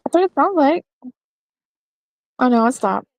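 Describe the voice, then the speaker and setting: Woman from the US, giggly, high with a gravelly fry, dry mic, casual online chat. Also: very animated, unhurried, dry recording. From United States. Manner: giggly, chimes in with short remarks. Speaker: panel member.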